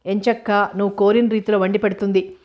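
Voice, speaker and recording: A woman's voice: medium pitch, level tone, a little fast, dull audio, close to an everyday voice. A woman reading the lines of a playful, joking sister-in-law in a storybook.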